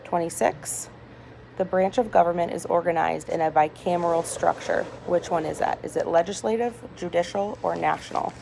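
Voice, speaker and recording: A woman reading multiple-choice test questions aloud item by item in a hospital room, deliberately and with small stumbles. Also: fairly low pitch, fairly even intonation, creaky, a little mellow. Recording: noisy hospital room with background chatter. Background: people talking, ambient noise.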